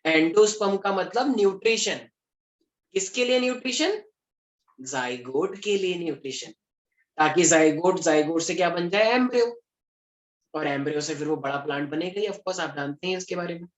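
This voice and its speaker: A man's voice: high-pitched, lively intonation, normal speed. A young man from Delhi teaching a class in a chatty, joking way, mixing in English terms. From Delhi, India. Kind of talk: classroom lecture. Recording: echoey classroom.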